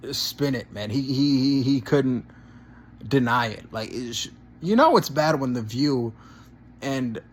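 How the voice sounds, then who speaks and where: A man's voice: medium pitch, slight background noise. A man giving a casual reaction commentary, rambling and repeating himself, often ending phrases with "man" and swearing. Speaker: gaming channel commentator.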